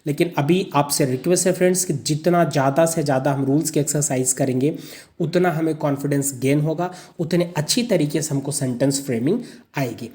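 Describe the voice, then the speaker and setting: A man's voice: on the high side, a little fast, dark tone. A man teaching English grammar in Hindi mixed with English. He repeats each example word twice, asks rhetorical questions and answers them himself, and keeps calling his listeners friends.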